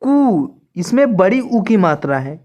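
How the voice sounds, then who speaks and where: A woman gives a slow, deliberate online lesson. She moves through each step at an unhurried pace, repeats each point and turns it into a question for her viewers. Her voice sits at an ordinary middle pitch. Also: very animated, mellow, lo-fi sound. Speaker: teacher. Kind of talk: slow classroom-style lesson.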